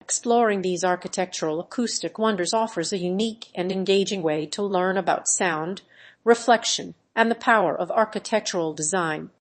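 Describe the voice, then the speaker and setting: A woman narrator reading a scripted educational explainer in a measured, articulate way. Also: on the low side.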